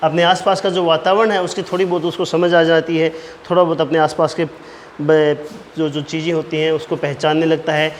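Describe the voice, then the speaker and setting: A man teaching an exam-prep lecture, explaining point by point and slowly dictating key phrases, repeating them. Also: on the high side, level tone. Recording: reverberant room with faint noise.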